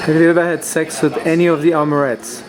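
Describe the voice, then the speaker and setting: Higher-voiced male interviewer in noisy room. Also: fast. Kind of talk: casual interview.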